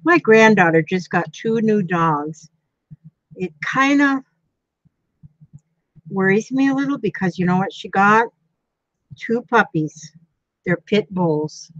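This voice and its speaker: Older woman, craft streamer, slow unhurried chat, dry dull-sounding home mic. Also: medium pitch, expressive, fairly bright tone, no echo. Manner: chatty, gushing thanks to viewers with frequent gasps. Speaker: craft livestream host. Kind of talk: casual live-stream chat while sewing.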